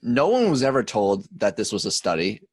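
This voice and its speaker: A young podcast co-host rambles through a story in casual chat, full of filler words and cursing. His fairly low voice swings widely in pitch and moves at a brisk pace. The recording is dry.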